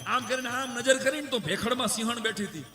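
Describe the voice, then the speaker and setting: A man who tells folk stories on stage. He chants verse in a loud, rhythmic way, then drops into joking chat. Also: very high voice, fast talker. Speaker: folk storyteller and stage humorist. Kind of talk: live stage storytelling with recited folk poetry. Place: stage before a live audience. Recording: roomy live hall with faint music.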